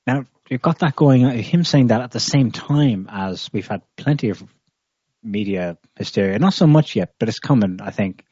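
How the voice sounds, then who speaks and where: Husky, lowish man, measured political co-host, muffled recording. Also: expressive, a little mellow, no echo. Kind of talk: political discussion. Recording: muffled dry audio.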